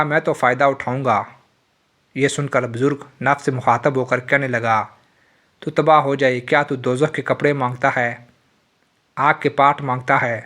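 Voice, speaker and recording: A man narrating a religious moral tale in a solemn, steady storytelling voice. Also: mid-range voice.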